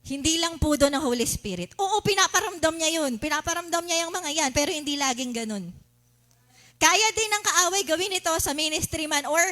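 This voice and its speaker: A woman with a Filipino accent preaching a sermon, asking the congregation questions and mimicking excited worshippers. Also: sits high, a little fast. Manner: animated, asks the congregation questions, laughs, mimics shouting worshippers.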